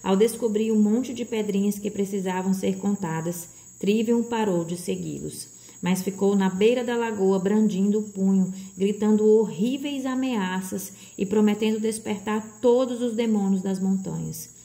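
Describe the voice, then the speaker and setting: A woman narrating a children's storybook in a steady, expressive reading voice. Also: mid-range voice, normal speed. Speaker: audiobook reader.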